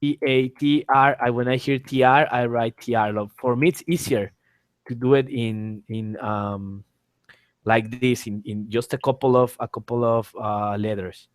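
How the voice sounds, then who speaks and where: Unhurried and steady, this medium-pitched male English tutor leads an informal online exam lesson, recorded on a call microphone with no echo. He works through the material step by step, saying phrases again and spelling out letters.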